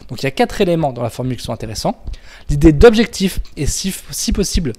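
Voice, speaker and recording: A man's voice: fairly high pitch, big pitch swings, fast talker, darkish tone. A man giving an informal business lesson to a listener, talking casually with many fillers and self-corrections. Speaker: business trainer.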